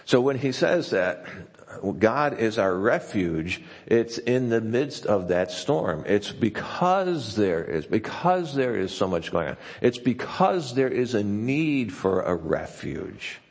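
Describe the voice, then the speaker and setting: A low-voiced male pastor preaches in a folksy, chatty manner, stumbling and restarting as he goes. His voice is gravelly and a little husky. A long reverb from a church hall trails behind each phrase. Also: very animated, slow. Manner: conversational and folksy, with frequent restarts. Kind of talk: sermon. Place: church sanctuary.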